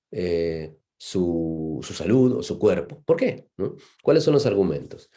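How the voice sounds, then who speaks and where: A man with a lowish, mellow voice and an Argentine Spanish accent. He's an Argentine psychologist giving a seminar lecture, speaking thoughtfully with lots of fillers and "¿no?" tags.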